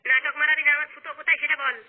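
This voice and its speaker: A man's voice: very high-pitched, little pitch movement, very fast. A man voicing a menacing, hot-tempered cartoon character who threatens suspects and comforts a worried young wife, heard through a tinny, phone-like sound. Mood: threatening. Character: menacing, hot-tempered man hunting his missing friend.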